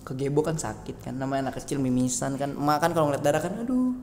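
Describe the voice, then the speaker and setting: A man's voice: medium pitch, very fast. A young man, a school alumnus telling his story as a podcast guest and acting out the people he quotes. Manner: animated storyteller who acts out quotes. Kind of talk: casual podcast chat. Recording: reverberant room with faint noise.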